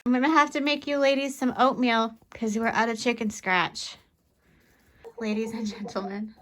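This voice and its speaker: Doing chores outdoors and in a chicken coop on a freezing-cold farm, a woman vlogger chats to her camera, laughing and sighing. Her fairly high voice holds a steady tone at a moderate pace.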